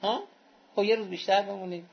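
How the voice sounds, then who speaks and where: A man's voice: high voice, steady tone, vocal fry, slightly rough, lo-fi sound, voice pushed up, full character voice. A man quoting an elderly male cleric who coaxes and questions in a raised voice. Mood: coaxing. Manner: coaxing, questioning.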